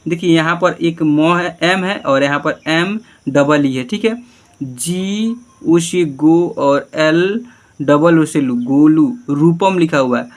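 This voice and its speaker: Patient man spelling names letter by letter. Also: a little high. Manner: often says "okay" and checks understanding. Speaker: teacher. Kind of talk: online spelling lesson.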